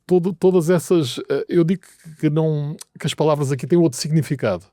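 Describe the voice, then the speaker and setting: A man's voice: fairly high pitch, brisk, mellow, dry recording, studio quality. A middle-aged man from Portugal with a European Portuguese accent, telling wry stories as an interview guest, with hesitant restarts. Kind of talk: anecdotal interview answers.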